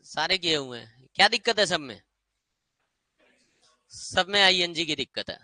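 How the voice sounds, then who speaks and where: A male grammar teacher with a high, very bright and forceful voice, recorded dry and close. He lectures in a lively way, repeats each word as a drill and stretches English phrases out slowly for his students. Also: no room sound, low-quality recording. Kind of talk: classroom lecture.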